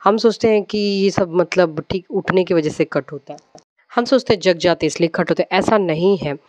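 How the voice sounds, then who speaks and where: Low-voiced woman recounting a dream. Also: moderate pace, a little mellow, dry recording. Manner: rambling, with many fillers and English words mixed in. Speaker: devotional channel host. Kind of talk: casual retelling of a dream.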